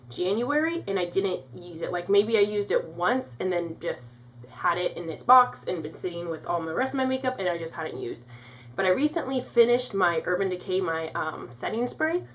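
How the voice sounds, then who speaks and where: Young woman, beauty vlogger, congested, slightly breathless, chatty with lots of fillers, lowish voice, faint hum behind. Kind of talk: casual product review.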